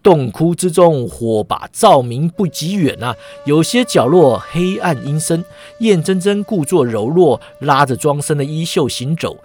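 A man's voice: on the high side, lively intonation, a little slow, a little mellow, soft background music. A man narrating a serialized martial-arts story with a dramatic telling.

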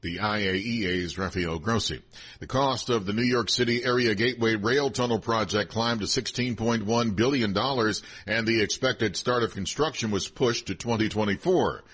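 A man's voice: fairly low pitch, normal speed, a bit bright, husky. A man anchoring the news, reading a scripted radio bulletin.

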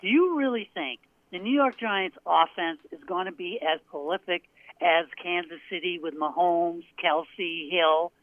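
A man's voice: sits high, a little slow, dry recording. A man from Maine calling in to a sports radio show over the phone, arguing his point and laughing. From Maine, USA. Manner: argumentative, laughing. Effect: radio show caller on a phone line. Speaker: caller. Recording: tinny phone line, dry.

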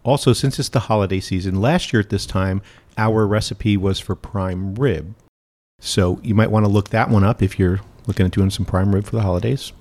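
A man's voice: lowish voice, normal speed, a little mellow. A man co-hosting a food podcast, introducing guests and segments in an upbeat casual way. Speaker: podcast co-host.

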